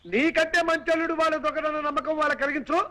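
An actor playing a chatty, meddling best friend who hands out advice in a comedy film. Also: male voice, very high-pitched, steady tone, very fast, noisy background. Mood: advising. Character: meddling comic best friend, young man. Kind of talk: Telugu comedy film acting.

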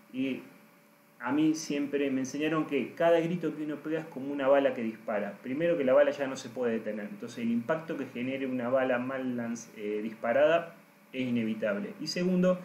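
A man, a coach giving a deliberate, emphatic lesson and speaking straight to his listeners. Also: medium pitch, darkish tone, a little hiss or hum. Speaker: coach teaching trainers. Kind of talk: recorded lesson. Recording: roomy echo.

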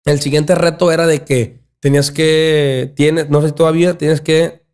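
Animated young Mexican man, Sinaloa accent. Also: on the high side, a little slow, clean tone. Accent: Sinaloa Mexican Spanish. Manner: animated, gestures a lot, repeats and restarts words. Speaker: podcast guest, content creator. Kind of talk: casual chat. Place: small dark podcast studio. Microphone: studio mic on boom arm, headphones.

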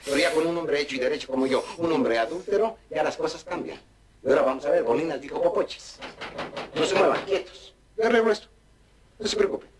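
A man's voice: a little high, animated, fairly quick, noisy background, close to an everyday voice. A man playing a cheeky, boastful streetwise talker who rambles through jumbled wordplay in a vintage TV comedy sketch. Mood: cheeky rambling. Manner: rambling, wordplay-laden chatter. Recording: old TV sketch with audience laughter. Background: studio audience laughing.

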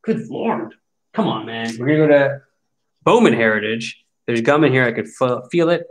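A man's voice: mid-range voice, animated, brisk, a little hiss or hum. A man in his forties talks through opening packs of cards in an easy, chatty way. His voice sits mid-range, and he keeps up a wry, mock-grumbling commentary on each pull. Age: 40s. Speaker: card break host. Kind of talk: casual card-opening commentary.

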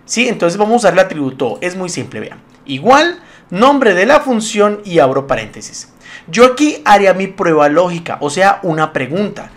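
A man's voice: high-pitched, very animated, moderate pace. A man giving a casual spreadsheet lesson, chatty and laughing easily as he talks to his viewers. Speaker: Excel tutorial instructor.

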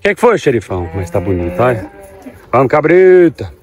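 A man's voice: fairly low pitch, big pitch swings, fast, over music. Tender farmer talking to his cows. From Goiás, Brazil. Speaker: farmer and vlogger. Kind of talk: casual farm vlog. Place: outdoors on a farm, by a corral.

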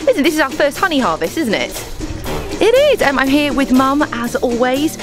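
A young woman hosts a casual outdoor vlog in a garden, explaining things to viewers in a chatty, upbeat way with a high, sing-song voice at normal speed. She's filmed close up with a handheld camera through a bee veil, and background music plays.

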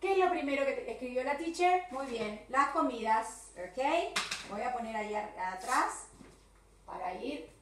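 A woman with a Rioplatense Spanish accent, an English teacher recording a video lesson for young children, drawing out slow model sentences and checking in often. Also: high-pitched, animated, recorded from a distance, noisy background. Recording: echoey room, voice from off the mic.

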